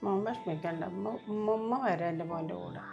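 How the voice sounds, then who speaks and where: Lady acting as a soft soothing mom forgiving her son, music playing behind. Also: lowish voice, a little fast, vocal fry, dull audio. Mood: gentle. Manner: soothing, coaxing, calls her son "my pearl". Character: loving forgiving mother of grown sons. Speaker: actor in a family web series. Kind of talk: melodramatic web series acting. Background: background music.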